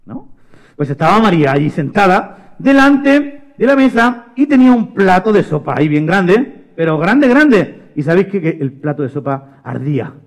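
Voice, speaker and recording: A man's voice: high voice, big pitch swings, normal speed. A young man, a children's magician and storyteller who coaxes and jokes with a young volunteer. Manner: coaxing, playful, talks to a child volunteer. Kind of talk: live children's show.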